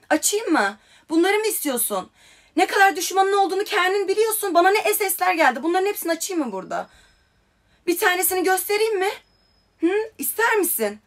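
A woman's voice: extremely high pitch, a bit bright. A young woman ranting heatedly into her phone on a livestream, firing off confrontational questions. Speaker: TikTok livestreamer. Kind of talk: angry livestream rant.

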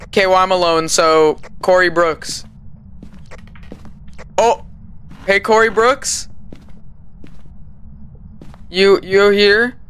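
Excitable bright-voiced male streamer. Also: high voice, drawn-out words, long pauses, clean tone. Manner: excitable, joking, repeats himself. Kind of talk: casual gameplay chat with friends.

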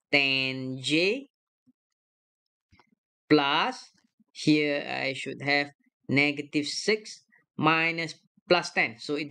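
On a screen recording, a math lecturer works through a problem step by step, checking each sum out loud. The voice is mid-range, bright and forceful, clear and resonant.

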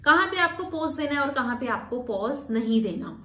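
A woman teaching exam speaking skills in a Hindi-English video lesson, explaining step by step and reading sample sentences very slowly. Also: high-pitched, lively intonation, fairly bright tone. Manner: explains step by step, slows sharply for demonstration readings. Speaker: PTE exam coaching teacher. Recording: roomy echo with faint background noise.

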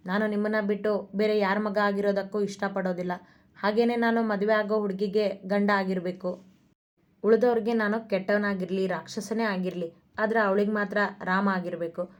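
A woman's voice: medium pitch, flat delivery, moderate pace, lightly acted. Woman voicing a proud young rich man. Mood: earnest. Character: proud young wealthy man, blunt and loving son.

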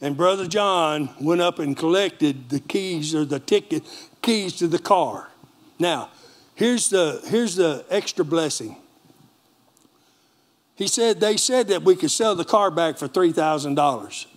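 A man preaching a lively sermon in a church with a Texan accent, calling for amens from the congregation. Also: fairly high pitch, measured pace. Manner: animated preaching with call-and-response. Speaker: pastor.

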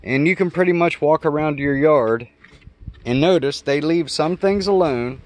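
With slight background noise behind him, a man with a higher-pitched voice speaks at normal speed. He's a homestead vlogger walking around his garden yard, explaining things casually and unscripted, thinking aloud and correcting himself.

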